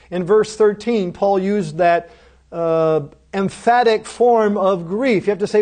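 A man's voice: high voice, darkish tone. A middle-aged man lecturing on a Bible passage, explaining emphatically and asking rhetorical questions. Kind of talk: recorded course lecture.

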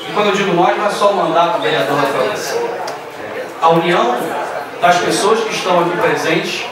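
Forceful high-voiced man speaking at a podium. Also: brisk, distant mic, a loud crowd. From Brazil. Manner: forceful, emphatic oratory with raised passages. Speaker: city councillor. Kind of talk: political speech in a council chamber. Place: large council chamber with seated audience. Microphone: podium microphone on a stand. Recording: echoey hall, voice heard from afar.

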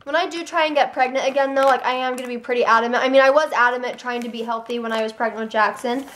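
Bubbly high-voiced young woman vlogging. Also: fairly even intonation, a bit bright. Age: young adult. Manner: bubbly, chatty, quick to laugh. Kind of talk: casual chat.

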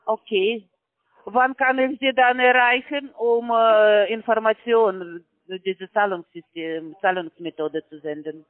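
A female call center agent delivers a phone sales pitch in broken grammar, filling it with constant hesitant fillers. Her voice is mid-range with fairly even intonation and a measured pace, heard over a tinny, dry phone line with no room sound.

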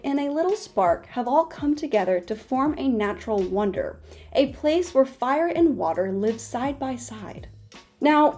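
A young woman hosting a science video, narrating a script in an earnest, gently wondering way straight to her viewers, close to a studio microphone in a small home studio. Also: on the high side. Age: young adult. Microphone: large studio mic in front of her.

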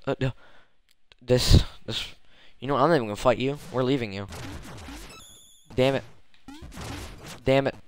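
A man playing a video game and talking over it on a home stream, excitable and quick to swear and yelp. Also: medium pitch, slight background noise. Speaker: gameplay streamer. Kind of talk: casual let's-play commentary. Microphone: desk microphone.

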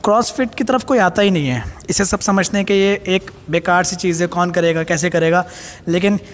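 Excited young man touring a gym. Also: high voice, a little fast. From Pakistan. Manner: excited, enthusiastic, mixing in English phrases. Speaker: fitness vlogger. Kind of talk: walking gym tour vlog. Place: large indoor gym. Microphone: handheld phone camera. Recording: long hall reverb, faint ambience.

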